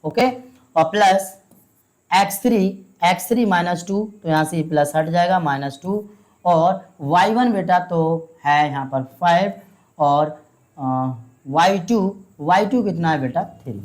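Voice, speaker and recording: A woman's voice: on the low side, measured pace, darkish tone. A woman teaching a maths lesson step by step. She speaks patiently, keeps quizzing her students and calls them "beta". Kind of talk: step-by-step classroom explanation.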